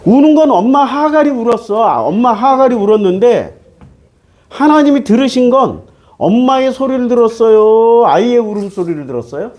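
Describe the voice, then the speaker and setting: A man's voice: very high voice, very animated, moderate pace, highs cut off. A man preaching a Bible-teaching sermon as pastor, talking casually and asking his listeners question after question. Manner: conversational, switching between polite and casual speech.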